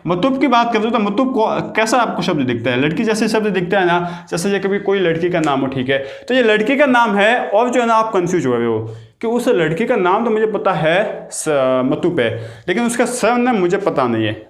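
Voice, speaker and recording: Chatty teacher with a high, echoey voice. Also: male voice, very animated, moderate pace. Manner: chatty, keeps asking "got it?". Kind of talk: exam-prep grammar lesson. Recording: echoey room.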